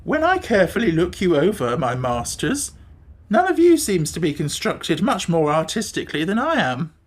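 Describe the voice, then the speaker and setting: A man voicing a huge flying creature with a squeaky voice, speaking in formal, mournful phrasing in an audiobook. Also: wildly swooping pitch, normal speed, heavily acted. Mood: plaintive. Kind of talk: audiobook character voice.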